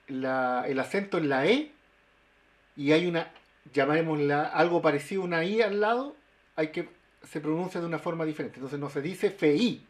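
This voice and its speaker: A man speaks over a video call in a webinar. His voice sits somewhat high, and he works through the explanation haltingly, full of fillers and restarts. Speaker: linguist explaining pronunciation.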